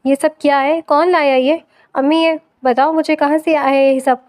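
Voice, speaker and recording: A woman voicing a stern, angry middle-aged aunt who scolds with sharp questions. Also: high voice, fairly even intonation, close to an everyday voice. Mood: scolding.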